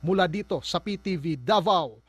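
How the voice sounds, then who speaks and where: A man's voice: high voice, lively intonation, normal speed, no room sound. A man with a Filipino accent narrating a scripted TV news report as a field reporter.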